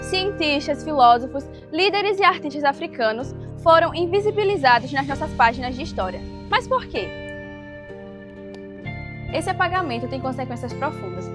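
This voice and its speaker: A Brazilian woman reads scripted narration with emphasis, her voice high. Faint music sits behind her. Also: expressive, normal speed, pauses often, a bit bright. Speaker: documentary narrator.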